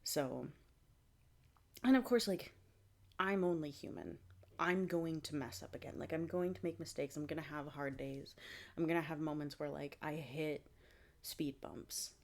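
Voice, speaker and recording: A young woman giving a casual fitness vlog update, rambling with fillers and restarts, clearing her throat now and then. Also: deep voice, measured pace, a little mellow. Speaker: vlogger.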